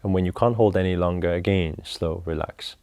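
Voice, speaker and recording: A man leading a guided breathing meditation, talking slowly and calmly through each step. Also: sits low. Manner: slow, calm, instructive.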